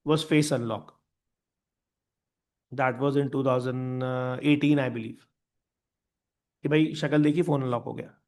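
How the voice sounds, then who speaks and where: A young man lecturing on business with a slightly high, gravelly voice. He mixes Hindi and English freely, keeps repeating the key terms, and acts out what companies would say in their own voices. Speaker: business teacher. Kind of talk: animated classroom lecture.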